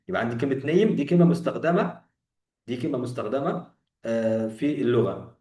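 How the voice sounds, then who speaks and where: Egyptian teacher, patient grammar explainer, a bit off-mic in an echoey room. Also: male voice, medium pitch, darkish tone, far from the mic. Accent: Egyptian Arabic. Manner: explains in Egyptian Arabic, mixes in English terms, asks and answers his own questions. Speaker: English teacher. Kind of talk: beginner grammar lesson.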